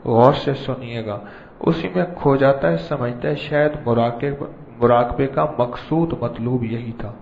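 Gravelly man preaching in repetitive cadence. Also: mid-range voice, slight background noise. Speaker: Sufi preacher. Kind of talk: devotional sermon. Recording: dull lo-fi recording.

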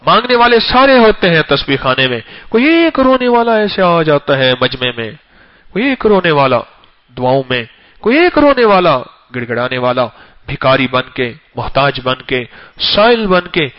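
A man preaching an emotional storytelling sermon, repeating phrases for emphasis and swinging between loud and hushed delivery. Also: fairly high pitch, very animated. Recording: dull lo-fi recording.

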